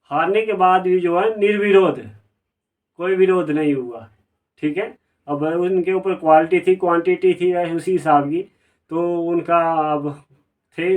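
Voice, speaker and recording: A man's voice: fairly high pitch, a little mellow, far from the mic. A man teaching an exam-prep lesson who repeats and rephrases himself, with frequent fillers.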